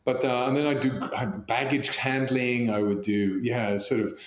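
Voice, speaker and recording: A man born in Hong Kong, co-hosting a podcast, telling stories in a rambling, animated way with many restarts. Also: medium pitch, normal speed. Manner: rambling, animated storytelling with frequent restarts and laughs. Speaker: podcast co-host. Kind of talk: casual conversation. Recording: echoey room sound.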